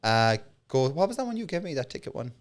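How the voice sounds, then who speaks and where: A man's voice: fairly high pitch, very animated, quick pace. An Irish man talking casually on a podcast with the lilting delivery of a live storyteller. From Ireland. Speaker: guest storyteller and live performer.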